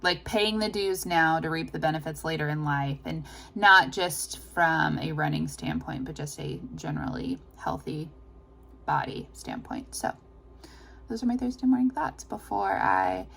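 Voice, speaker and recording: A woman's voice: sits low, sing-song, a little slow, creaky, fairly bright tone. A woman talking casually to her vlog audience, rambling informally as she thinks aloud. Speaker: running vlogger. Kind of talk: casual personal vlog chat.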